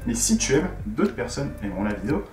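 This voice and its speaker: A man's voice: mid-range voice, big pitch swings, fast. A man giving a casual, chatty video lesson and talking straight to his viewers. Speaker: YouTuber teaching Korean. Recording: roomy sound from a distant mic.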